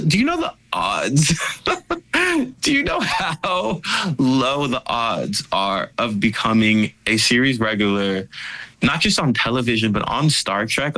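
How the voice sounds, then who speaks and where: A man speaking as a guest in a casual interview, expressive and animated, with many "like" fillers. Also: mid-range voice, rough recording. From United States.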